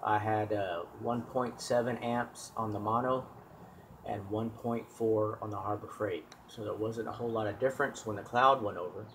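Holding the camera himself, a man shows off a solar equipment test in an offhand way, wandering through his words with fillers and restarts. His voice sits on the low side, a bit bright, with a steady tone at normal speed. A little hiss or hum is audible.

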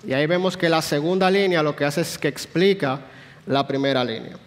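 High-voiced man teaching a Bible class. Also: fairly quick. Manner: explanatory, asks the class questions. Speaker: Sunday school teacher. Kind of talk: church Bible class lecture. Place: church hall. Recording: long hall reverb.

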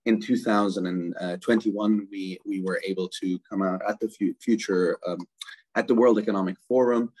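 Middle-aged guy from germany on a video call, lower voice, energetic, keeps saying "right?". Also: moderate pace, breathy edge, poor audio. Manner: fluent, energetic, with many "right?" tags. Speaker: guest, crypto ecosystem co-founder. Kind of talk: casual video-call interview. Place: indoors, virtual office backdrop.

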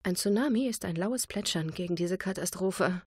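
A woman's voice: on the low side, normal speed, darkish tone, slightly rough, dry recording, studio quality. A woman voicing a fiery young bistro owner and single mother who speaks heatedly and indignantly. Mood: dejected.

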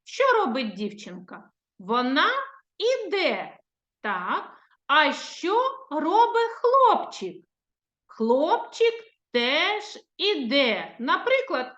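Woman preschool teacher, Ukrainian accent, high bright pitch, slow patient delivery, echoey lo-fi room recording. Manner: slow, sing-song teacherly speech, drawing out words. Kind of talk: recorded lesson for young children. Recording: echoey room, dull lo-fi sound.

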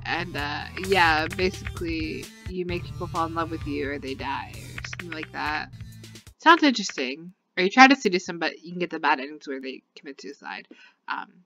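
A woman's voice: low voice, expressive, moderate pace. A woman giving casual let's-play commentary while reading a game aloud, swearing freely. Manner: casual, swears, laughs loudly. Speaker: gamer. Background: game music.

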